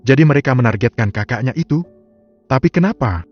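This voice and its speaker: A man's voice: medium pitch, expressive, brisk, soft background music, lightly acted. A man voicing a frightened, devoted young woman nurse, talking urgently. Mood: alarmed. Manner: urgent, breathless pleading. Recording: slightly dull lo-fi audio.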